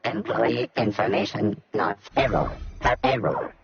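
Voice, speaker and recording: Gravelly glitching robot. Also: male voice, lowish voice, lively intonation, dull audio. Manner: clipped, halting machine phrases. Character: glitching male robot, halting and malfunctioning. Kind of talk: video game dialogue.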